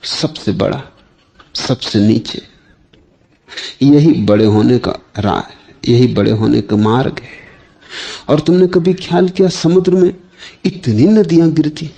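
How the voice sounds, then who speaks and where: A man giving a slow, measured spiritual discourse, often asking his listeners questions. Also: mid-range voice, gravelly, mellow. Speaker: spiritual speaker.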